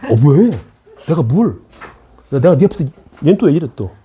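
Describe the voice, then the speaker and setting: Warm and very animated, this man's fairly high voice moves at a moderate pace, with a little hiss or hum in the recording. He's a middle-aged math teacher giving a casual academy class, joking with students and tossing them chatty asides between explanations.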